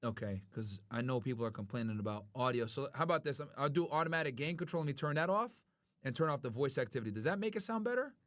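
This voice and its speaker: A man's voice: mid-range voice, fast talker, a bit bright, no echo. A man on a voice call whose audio peaks and jumps in level because it runs through a mixing board, checking his settings aloud. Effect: overdriven, peaking audio with uneven gain from a mixing board. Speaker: guest, former federal agent. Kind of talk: casual voice call. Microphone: computer mic through a mixing board on a voice call.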